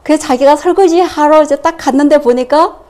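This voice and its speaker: A woman giving a personal testimony in church, telling her story in a lively way and acting out the dialogue. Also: high voice, fairly quick.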